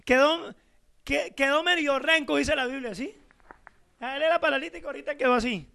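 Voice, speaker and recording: Male pastor, very high voice with grit, emphatic sermon delivery full of rhetorical questions. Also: fairly quick, vocal fry, pushed and bright. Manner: emphatic preaching with rhetorical questions, addressing listeners as brother.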